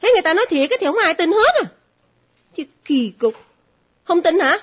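A woman playing a coy young daughter, high-voiced. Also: animated, a little fast. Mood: teasing. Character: playful young daughter with a secret. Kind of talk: comic stage play acting. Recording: muffled lo-fi recording.

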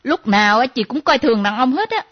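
An actress playing a nosy younger female friend who teases and mocks in a lively way. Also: a little high, fast. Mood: teasing. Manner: teasing, lively, mimicking. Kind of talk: comedy sketch acting. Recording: dull lo-fi recording.

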